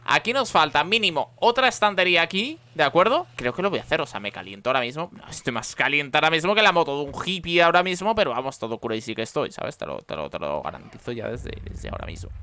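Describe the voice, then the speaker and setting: A young man with a Spain Spanish accent, chatting excitedly and joking while commenting on his gameplay. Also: sits high, a little hiss or hum. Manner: excitable, chatty, jokey, loud outbursts. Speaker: gaming youtuber.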